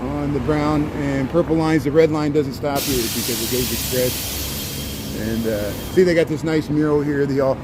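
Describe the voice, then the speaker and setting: Strolling a city street at night, this fortysomething man hams it up for viewers with a meandering, talkative tour commentary. He comes from near Cincinnati in the US Midwest and carries a slight Cincinnati-Kentucky twang, with a medium pitch and moderate pace. Traffic and street sounds stay faint behind him.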